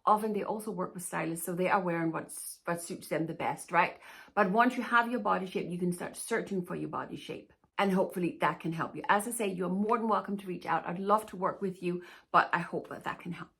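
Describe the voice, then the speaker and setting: Her voice sits on the low side, gravelly and slightly rough yet a bit bright, and she speaks a little fast. Originally from Denmark, this plus-size fashion stylist and YouTuber fields viewer questions in a relaxed Q&A vlog, chatty and reassuring, with a habit of saying "to be honest with you."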